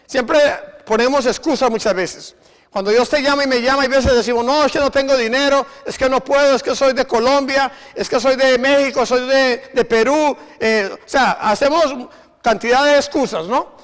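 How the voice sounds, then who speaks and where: A man's voice: very high voice, moderate pace, fairly bright tone. A male preacher giving a sermon, exhorting his congregation and firing rhetorical questions at them. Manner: exhorting, repeats "imagine". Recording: long reverb of a hall.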